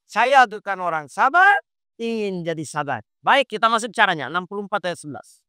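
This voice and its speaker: Male preacher, sermon, quizzing the audience, bright tone, dry close sound. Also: high-pitched, clear, resonant tone, dry recording. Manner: quizzes the audience with quick rhetorical questions; lively, conversational preaching. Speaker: Islamic preacher. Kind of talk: sermon to a congregation.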